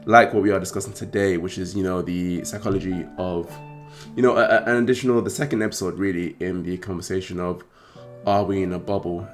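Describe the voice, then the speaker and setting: A man hosting a trading card game vlog, talking casually with many fillers and restarts, his voice croaky. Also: low-pitched. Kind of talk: casual talk to camera.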